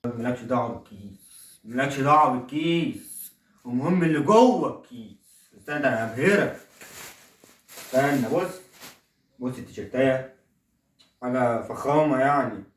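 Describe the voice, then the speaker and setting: A man's voice: medium pitch, lively intonation, normal speed, pauses often, natural voice. A man with an Egyptian accent playing a stingy, boastful middle-aged father in a comedy sketch, coaxing and insisting on a bargain. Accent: Egyptian Arabic. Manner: boastful, coaxing, keeps saying look. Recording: roomy echo, voice far from the mic.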